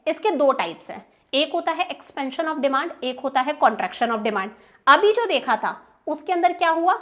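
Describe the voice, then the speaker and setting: High-voiced Indian woman teaching economics. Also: fairly bright tone. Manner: explains step by step, checks understanding with repeated questions; slows down and stresses English key terms. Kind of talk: exam-prep lecture.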